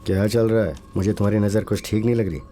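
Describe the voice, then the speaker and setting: A man's voice: fairly low pitch, steady tone, quick pace, warm tone, faint music behind, natural voice. A man dubbing the role of a lecherous, menacing official in a film, speaking in an oily, threatening, bossy way. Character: lecherous, menacing male official, middle-aged. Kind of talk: Hindi film dub.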